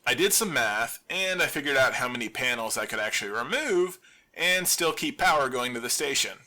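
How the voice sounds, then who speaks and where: Playing a lone survivor who runs a radio show, a man gives a scripted audio drama monologue laced with wry deadpan humor. His voice is medium-pitched and his pace moderate.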